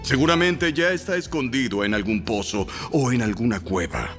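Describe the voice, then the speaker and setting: An actor playing a shrewd, persuasive male royal counselor in an audio Bible drama, speaking with theatrical, deliberate emphasis. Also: medium pitch, lively intonation, lightly acted. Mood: persuasive, grave. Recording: music behind.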